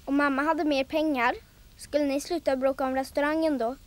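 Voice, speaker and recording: A woman's voice: sits high, steady tone, close to an everyday voice. An actress playing a blunt, pleading young girl, the daughter of a policeman. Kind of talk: film drama acting.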